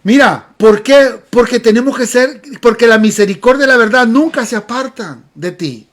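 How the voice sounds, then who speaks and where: A man preaching in a church, with an unusually high voice. He tells stories with emphasis and keeps repeating key phrases. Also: moderate pace. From Honduras. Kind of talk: sermon. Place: church sanctuary.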